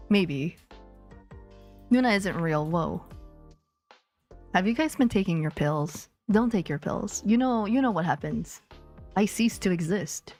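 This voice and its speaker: Woman streamer, playful rambling chat, very animated pitch, faint music behind. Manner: playful, rambling, chats with viewers. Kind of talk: casual live-stream chat.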